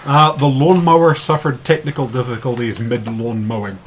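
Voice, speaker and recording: A man's voice: medium pitch, fairly even intonation, normal speed. A man playing in a tabletop game, chatty and teasing, swearing casually. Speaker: player. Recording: noisy recording.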